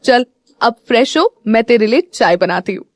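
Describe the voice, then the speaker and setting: Scolding middle-aged mother, exasperated, teasing, higher voice, woman narrating. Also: expressive, moderate pace, dry recording, studio quality, natural voice.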